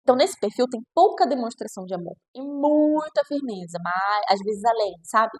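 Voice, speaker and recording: A woman's voice: on the high side, expressive, moderate pace, darkish tone, breathy edge. A woman with a Brazilian Portuguese accent, a child nutritionist talking casually to camera and adding chatty tag questions as she goes. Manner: chatty, with frequent "né?" tags; acts out quoted parents in shifting voices. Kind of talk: reflective casual talk to camera.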